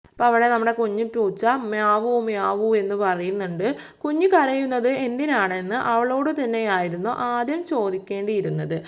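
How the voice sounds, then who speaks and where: A woman's voice: fairly high pitch, normal speed. A woman teacher, explaining a textbook lesson to young children and reciting a poem in a sing-song way.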